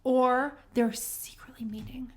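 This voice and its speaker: A woman's voice: high-pitched, steady tone, unhurried, crowd noise. A young woman in her twenties co-hosting a casual podcast, telling dating stories with lots of swearing and acted-out quotes. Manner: storytelling, swearing, acting out quoted dialogue. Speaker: podcast co-host. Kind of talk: casual chat.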